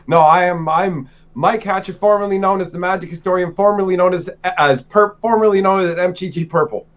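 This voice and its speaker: A man's voice: high-pitched, fairly quick. A man in his forties, a guest telling stories in a playful, teasing way, with dull lo-fi audio. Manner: animated, playful, teasing storyteller. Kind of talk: casual storytelling.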